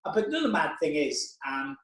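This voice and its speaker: Male podcast host, lively anecdotal storyteller, a touch high, echoey room sound. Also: a little fast. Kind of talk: casual chat. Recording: roomy echo.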